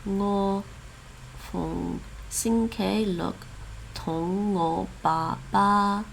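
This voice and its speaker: This bilingual English-and-Chinese woman drawls her words in a creaky, medium-pitched voice with fairly even intonation, and a faint hiss or hum sits in the background. She's streaming her language practice, musing aloud and echoing foreign phrases in a casual chat.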